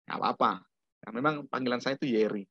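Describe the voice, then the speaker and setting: A man's voice: mid-range voice, quick pace, creaky, fairly bright tone, no room sound. A middle-aged man from Surabaya teaching a discipleship class, chatting through anecdotes and often checking that listeners understand. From Surabaya, Indonesia. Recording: dull lo-fi recording.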